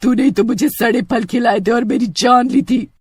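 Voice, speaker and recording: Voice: medium pitch, normal speed, breathy edge, no echo, pitched above the performer's own voice, close to an everyday voice. A narrator voicing a vengeful cackling female witch ghost in a cartoon story, with menacing threats.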